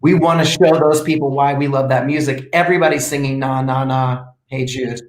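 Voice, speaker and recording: A man and performer chatting casually as a host, telling animated stories and often restarting his sentences. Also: mid-range voice, brisk, echoey room. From United States. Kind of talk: casual chat.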